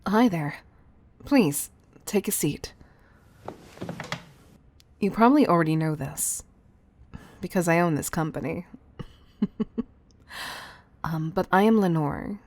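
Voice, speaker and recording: In this intimate roleplay, the woman voices a poised, authoritative CEO, speaking in a measured, teasing, condescending manner with affectionate firmness. Her pitch is fairly low and animated, her tone darkish.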